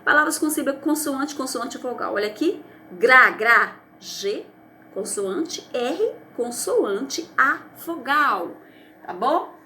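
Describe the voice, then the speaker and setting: A woman's voice: high-pitched, animated, slow pace, sharp tone, a little hiss or hum. A woman teacher with a Brazilian Portuguese accent, reviewing a lesson for young children in a patient, encouraging way that often checks they follow. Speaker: primary school teacher.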